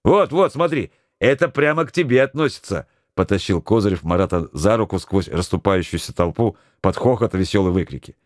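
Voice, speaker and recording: Expressive male audiobook narrator. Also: low-pitched, no room sound, studio quality. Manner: expressive, performs all characters. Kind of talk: scripted narration of an adventure novel.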